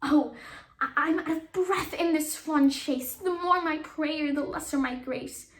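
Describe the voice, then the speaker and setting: A woman's voice: sits high, takes it slowly. A young woman playing a lovesick young woman who feels plain and unloved, in a breathless, self-pitying classical monologue. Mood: forlorn. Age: young adult. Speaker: student actor. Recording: echoey room.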